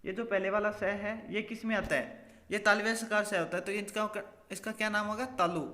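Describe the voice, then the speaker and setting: A male teacher with a high-sitting, bright, forceful voice runs an exam-prep grammar lesson at normal speed with fairly even intonation. He quizzes repetitively, asking questions and answering them himself while repeating key points, in an echoey room with long reverb.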